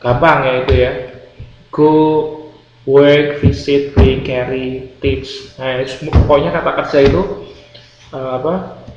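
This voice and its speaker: A man's voice: medium pitch, steady tone, unhurried, pauses often, over music. A man teaching an English grammar class, explaining patiently, repeating key words and quizzing his students. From Indonesia. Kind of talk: classroom lecture. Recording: roomy classroom, dull lo-fi sound, faint noise.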